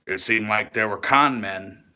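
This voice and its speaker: A man giving a rambling, confessional monologue to camera, halting and restarting often and swearing casually. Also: fairly low pitch, sharp tone.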